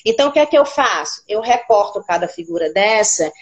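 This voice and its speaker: A woman from Brazil, a teacher, explaining classroom activities in a didactic way, sounding out words slowly and asking rhetorical questions. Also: medium pitch, lively intonation.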